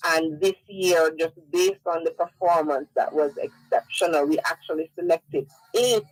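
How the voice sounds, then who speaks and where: A woman's voice: low voice, moderate pace, no echo, rough recording. Businesslike woman, dry line. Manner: businesslike, explanatory. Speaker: head of sales and marketing, guest. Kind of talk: radio interview.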